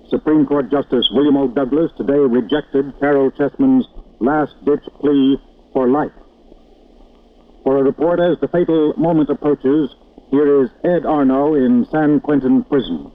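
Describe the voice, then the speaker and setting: A man reading radio news bulletins in a measured, formal newsreader manner, heard as an old lo-fi radio broadcast. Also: medium pitch, steady tone. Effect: old lo-fi radio broadcast sound. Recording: tinny narrow-band vintage radio broadcast.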